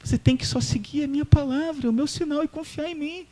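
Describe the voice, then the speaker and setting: A man playing a patient male Jesus who gives calm, firm instructions. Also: very high voice, fairly quick, pitched above the performer's own voice.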